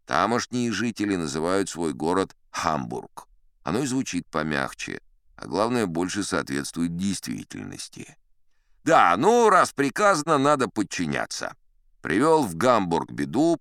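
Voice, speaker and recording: A man's voice: low-pitched, wildly swooping pitch, unhurried, fairly bright tone, no echo, clean studio sound, full character voice. An actor playing a boastful old sea captain who narrates his tall tales in a chatty, sly way, often turning to the listeners. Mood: boastful yarn. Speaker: first-person narrator of an audio play. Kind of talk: theatrical storytelling, audio play.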